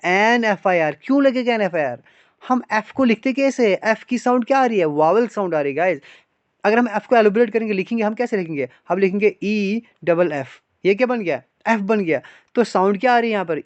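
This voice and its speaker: A man's voice: high voice, no room sound. A man teaching English grammar to exam aspirants, explaining step by step and asking rhetorical questions, speaking Hindi mixed with English. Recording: dry, slightly dull online lecture audio.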